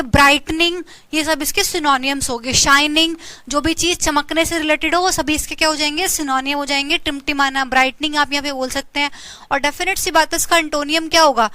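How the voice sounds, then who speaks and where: A woman's voice: sits high, bright, forceful tone, no echo. An Indian woman teaching English vocabulary in an online exam-prep lesson, with a slightly sore throat, repeating words and asking students to say them along.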